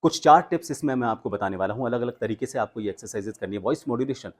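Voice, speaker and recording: A man teaches voice modulation in a spoken tutorial, his voice sitting at an ordinary male pitch. He explains clearly and acts out his own examples, raising, lowering, slowing and quickening his voice as he goes. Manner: demonstrative, shifts pitch and pace to show examples.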